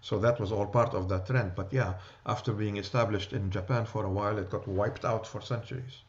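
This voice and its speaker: Here the same kind of church class for adults is taught a bit faster by a New York-accented man whose low, even voice comes through a muffled recording. He keeps things loose, tossing in "okay?" and "right?" as he lectures and invites discussion.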